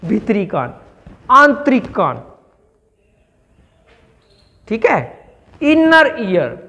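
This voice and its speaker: Slow, deliberate teacher in a reverberant room. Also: medium pitch, wildly swooping pitch, gravelly, sharp tone, muffled recording, a little hiss or hum. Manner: explains step by step, asks the listener questions. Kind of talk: classroom science explanation.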